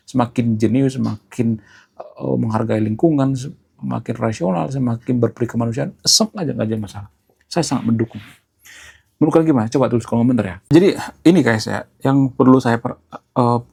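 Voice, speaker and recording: A man in a casual, opinionated monologue to his viewers, rambling through long lists with lively jumps in tone. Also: mid-range voice, gravelly, husky. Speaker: YouTube commentator.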